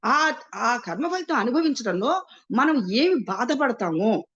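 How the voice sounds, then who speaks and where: A woman's voice: fairly high pitch, very animated, slow, fairly bright tone. A woman explaining scripture, asking and answering her own rhetorical questions and mixing English words into her speech. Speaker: spiritual teacher. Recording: muffled lo-fi sound.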